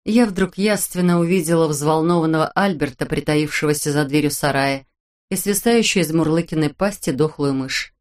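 A woman reading a first-person audiobook in a measured, reflective way. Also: low voice, a little mellow. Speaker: audiobook narrator.

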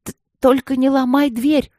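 A woman's voice: mid-range voice, moderate pace, mellow, no echo, studio quality, pitched above the performer's own voice, lightly acted. A woman voicing a stubborn, sulky young female student in an audiobook, speaking in an indignant, pouting way.

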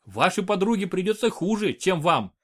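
A man's voice: sits high, sing-song, normal speed, a bit bright, voice pushed up, heavily acted. A man voicing a huge, stern male doctor who barks curt orders. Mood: commanding.

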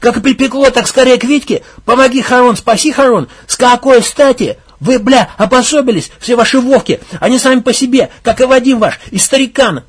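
A man voicing a hot-tempered young village gang leader who barks, mocks and shouts. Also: high-pitched, fairly quick, few pauses, slightly rough. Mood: furious. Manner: angry, mocking, shouting, coarse.

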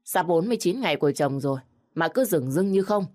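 A woman's voice: on the low side, expressive, fast, a little mellow, lightly acted. A woman voicing a harsh, berating elderly mother-in-law in a storybook reading. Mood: scolding.

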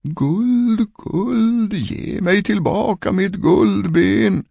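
A man voicing the ghost of a dead lady, crying out from her grave in a high wail, in a spoken ghost story. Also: vocal fry, dark tone, no echo, clean studio sound. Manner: high wailing cry.

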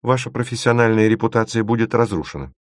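A man's voice: on the low side, quick pace, no room sound, clean studio sound, pitched above the performer's own voice, lightly acted. A man reading the part of a small-voiced, determined young woman investigator, insistent and turning cool and formal. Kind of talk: audiobook reading.

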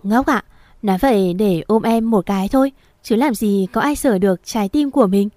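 A woman voicing a poor, shy young girl who speaks softly and politely. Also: mid-range voice, dry recording, studio quality, natural voice.

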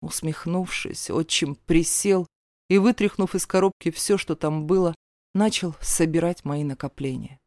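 A woman's voice: fairly low pitch, a little slow, a little mellow, dry recording, clean studio sound. A woman reading a first-person story as an audiobook narrator, in a dramatic, emotional storytelling manner.

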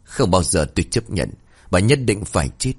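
A man's voice: sits low, big pitch swings, normal speed, breathy edge, heavily acted. A man voicing a vengeful drowned child ghost in a spoken horror story, whimpering and menacing.

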